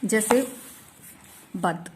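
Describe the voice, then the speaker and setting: A woman teaches a shorthand lesson at an unhurried, deliberate pace, with a pitch that sits in the middle of the range. She walks through each rule patiently and keeps checking that her listeners are following. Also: a little mellow, husky. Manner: slow, patient, often checks in with "ठीक है?". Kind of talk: explaining a lesson step by step.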